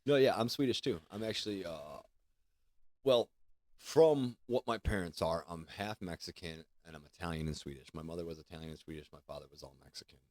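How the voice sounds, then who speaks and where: A man hosts a casual podcast and rambles in an easygoing way, full of fillers. His voice is fairly low. The recording is dry and close. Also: a little fast, dry recording. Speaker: podcast host.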